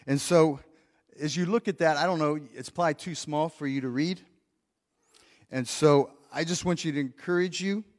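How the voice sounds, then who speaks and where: A pastor with a slightly high voice delivers a practical sermon to his congregation in a church sanctuary, speaking earnestly at a moderate pace. He often repeats words as he thinks and asks the room questions. The recording carries a long church hall reverb.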